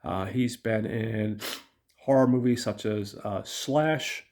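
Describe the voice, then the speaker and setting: Speaking slowly at a fairly low pitch, with a slightly mellow quality, this man hosts a podcast despite being sick enough to sound raspy. He reviews a film loosely, filling pauses with ums and uhs and addressing the audience as "guys."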